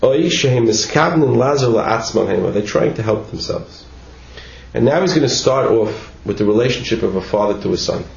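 A man's voice: medium pitch, expressive, normal speed, vocal fry. A man teaching a text study class, reading passages and explaining them in an informal way, often asking "right?". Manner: informal, repeats words, asks "right?" often. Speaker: teacher giving a Torah class. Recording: echoey room, dull lo-fi with faint noise.

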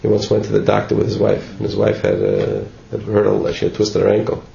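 This Torah teacher speaks briskly in a warm, gravelly, sing-song voice that sits on the low side. Reading passages and unpacking them informally, he repeats himself and asks "right?" again and again, while the recording sounds dull and lo-fi, with echo and faint noise.

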